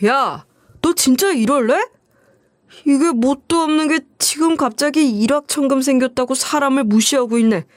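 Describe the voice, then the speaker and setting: A woman's voice: sits high, moderate pace, no room sound, close to an everyday voice. A woman voicing a greedy, scornful middle-aged ex-husband who wheedles and sneers in coarse speech. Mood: indignant.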